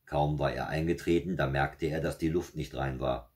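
A man calmly reading a fairy tale aloud at an unhurried pace. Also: very deep voice. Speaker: storyteller.

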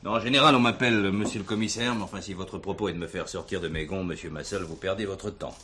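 A stern, fast-talking police chief. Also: male voice, low-pitched, pushed and bright, slight background noise. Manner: firm, dry, matter-of-fact. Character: stern police commissioner, middle-aged, unflappable. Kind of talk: 1970s TV drama acting.

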